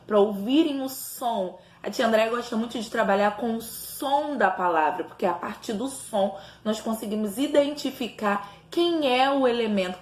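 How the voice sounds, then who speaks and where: A woman teacher with a fairly high voice works through a lesson for young children. She pronounces each word slowly, syllable by syllable. Her voice rings in a bare, echoey room. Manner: slow, syllable-by-syllable enunciation for children. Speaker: primary school teacher. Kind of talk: recorded remote lesson for young pupils.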